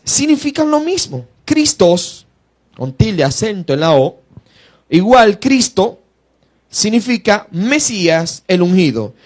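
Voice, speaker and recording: A man preaching a teaching sermon, moving from slow, careful explanation to quick, rising bursts of emphasis. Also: high voice.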